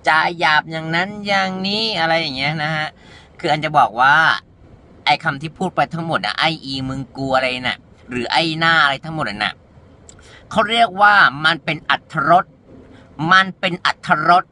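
Brief: young male vlogger, high bright voice, sassy, campy and blunt. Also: expressive, moderate pace. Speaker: vlogger answering comments. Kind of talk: candid monologue to camera.

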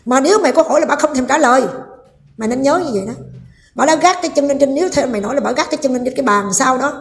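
A woman's voice: high-pitched, creaky. A woman vlogger, delivering a heated, combative rant and scolding while speaking directly to her viewers.

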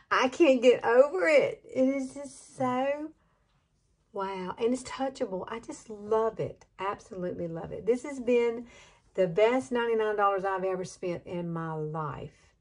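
A woman's voice: a little high, animated, measured pace. A woman in her late fifties from Alabama with a Southern accent, chatting through a hair tutorial in a gushing, folksy way. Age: 50s. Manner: gushing, chatty, drawling with laughs. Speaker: beauty vlogger. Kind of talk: casual hair tutorial chat.

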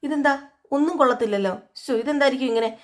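A woman voicing a blunt, grumbling young husband in a retold TV serial, in a gruff complaining manner. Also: high voice, fast, lightly acted. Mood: irritated.

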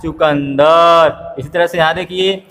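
A man teaching a phonics lesson to small children. He slowly spells words out syllable by syllable and keeps asking questions. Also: on the high side, steady tone, a bit bright, long reverb tail. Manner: slow, drawn-out spelling aloud, syllable by syllable, with repeated questions.

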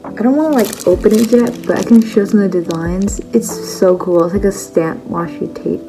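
A woman's voice: mid-range voice, moderate pace, low-quality recording. A teenage girl chatting casually at home about her merch haul, with lots of fillers. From China. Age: teens. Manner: chatty, many likes and fillers. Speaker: vlogger. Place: bedroom at a table indoors. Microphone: phone camera at close range. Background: background music.

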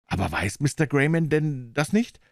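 A man playing an earnest young gentleman who asks anxious questions. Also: fairly high pitch, sing-song, normal speed, no echo, clean studio sound, pitched above the performer's own voice.

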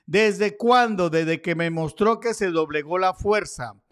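A man's voice: high voice, a little slow. A man giving casual market commentary over charts, chatty and joking with his viewers. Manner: chatty, jokey asides to viewers. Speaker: crypto chart analyst.

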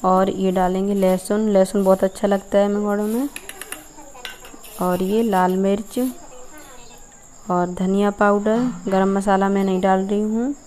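A woman's voice: medium pitch, little pitch movement, a little slow, long pauses, mellow, slight background noise. A young woman from Uttar Pradesh, India, explaining each step as she cooks in a rural courtyard. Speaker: village cooking vlogger. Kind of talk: casual cooking narration.

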